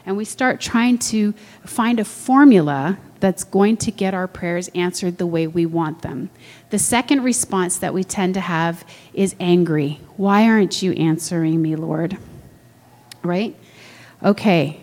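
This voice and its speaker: A woman's voice: a little slow, darkish tone. A woman preaching a sermon in a conversational way, asking the room questions and acting out quoted voices. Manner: acts out quoted voices with big pitch jumps. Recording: long hall reverb.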